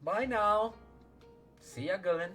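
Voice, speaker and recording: Little underling creature for a game, voiced by a man: high, eager, informal, chirpy, music behind. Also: lively intonation, slow pace, pushed and bright, exaggerated voice.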